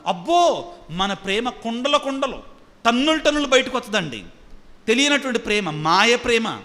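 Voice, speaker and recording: High, bright-voiced preaching priest. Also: male voice, big pitch swings, normal speed. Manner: emphatic preaching, repeating phrases and asking the congregation questions. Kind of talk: sermon. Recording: long hall reverb.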